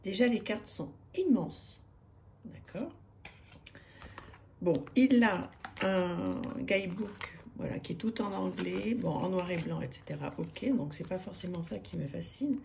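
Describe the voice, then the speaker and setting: A woman's voice: fairly low pitch, unhurried, vocal fry, dark tone, a little hiss or hum. A woman, chatting to camera about her tarot decks, hesitant with many fillers and restarts, enthusiastic. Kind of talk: casual chat to camera. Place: home room with street noise outside.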